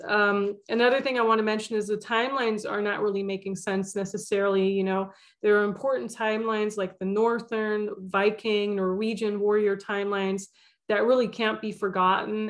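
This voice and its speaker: A young woman hosting a spiritual channel, talking alone in a loose, rambling way with lots of fillers and restarts. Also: mid-range voice. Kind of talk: casual monologue.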